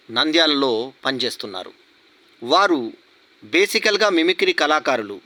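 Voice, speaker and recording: High, bright-voiced male announcer. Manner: steady formal reading, links points with set connecting words. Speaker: award announcer. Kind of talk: formal tribute narration.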